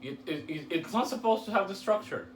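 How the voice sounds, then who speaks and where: A man from Bulgaria chats as a guest, rambling quickly through his ideas with plenty of fillers. His voice sounds roomy over a faint hiss of noise. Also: high-pitched, lively intonation. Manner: rambling, fast, lots of fillers. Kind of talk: casual chat.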